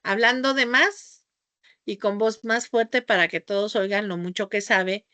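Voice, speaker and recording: A woman lecturing a class in a high, squeaky voice that she keeps loud so people at the back can hear. She is theatrical and shifts her tone often, and she wanders off on tangents. Her voice sits at an ordinary pitch for a woman, and the sound is dry and close. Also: fairly even intonation, unhurried, dry recording. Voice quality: high-pitched voice, calls it a squeaky off-key whistle. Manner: scattered, jumps between topics with tangents. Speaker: homeopathy teacher.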